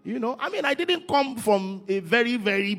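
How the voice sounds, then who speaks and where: A man preaching a sermon, moving from quiet talk to shouted, sing-song emphasis. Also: extremely high pitch, lively intonation, moderate pace, vocal fry, faint music behind. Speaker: pastor.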